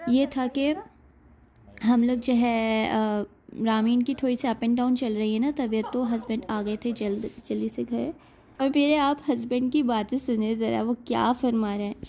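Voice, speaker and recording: In a fairly high, mellow voice, a young lifestyle vlogger chats through a voice-over about her everyday life. "Aur jo hai" comes up again and again as her go-to filler.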